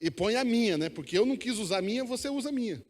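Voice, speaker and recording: A man's voice: high voice, animated, racing, a little mellow. A man preaching a sermon, emphatic, calling the congregation to repeat after him. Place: church hall. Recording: long echo of a church hall.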